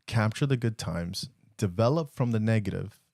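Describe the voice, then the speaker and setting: A man's voice: lowish voice, expressive, moderate pace, gravelly, darkish tone, dry recording, studio quality. A man co-hosting a podcast, teasing and bantering playfully in casual chat. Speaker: podcast co-host.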